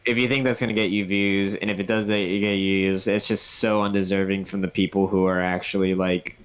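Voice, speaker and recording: A man's voice: low voice, a little fast, clean tone, dull audio. A man, co-hosting a podcast and telling stories candidly, with swearing. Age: 20s. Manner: candid, swearing, animated storytelling. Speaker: podcast co-host. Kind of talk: casual chat.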